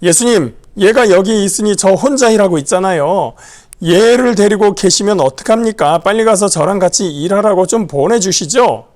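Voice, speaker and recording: A man's voice: high voice, normal speed, a little mellow, close to an everyday voice. A male preacher voicing an irritated, blunt woman who complains sharply and demands help. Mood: irritated demanding.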